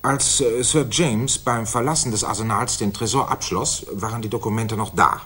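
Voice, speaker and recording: Here the actor, again a self-satisfied senior official in a 1960s German radio play, speaks with formal, deliberate authority. The low male voice has a fairly bright, husky tone, and he sounds matter-of-fact.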